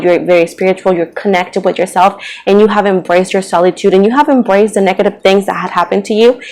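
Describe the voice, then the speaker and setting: A woman's voice: medium pitch, low-quality recording. A woman doing a casual tarot reading to camera, talking in a rambling, chatty way full of fillers. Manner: rambling and chatty, heavy on "like" and "you know". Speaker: tarot reader.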